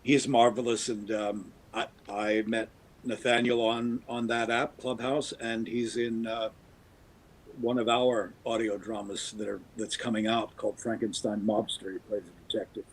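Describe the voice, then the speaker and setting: A man in his fifties from Baltimore on the US East Coast, a guest actor, fondly and thoughtfully reminisces about old radio drama in casual chat. His voice is on the low side and slightly rough, with a flat delivery and a measured pace, and the recording quality is low.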